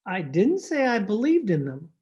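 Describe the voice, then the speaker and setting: A woman playing droll Doctor Gamble, medium pitch. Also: sing-song, normal speed, warm tone, highs cut off, natural voice. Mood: wry. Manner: dry, wordy sarcasm. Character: droll, wisecracking veteran family doctor, unflappable. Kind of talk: old-time radio comedy acting. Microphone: video call microphone.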